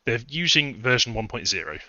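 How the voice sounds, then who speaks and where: A man's voice: mid-range voice, sing-song, a little fast, bright, forceful tone, no echo, lo-fi sound. A man chatting casually on a live stream, rambling through his points with fillers, a little out of breath. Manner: rambling, conversational, many fillers and restarts. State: a bit out of breath. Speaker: streamer and game modder.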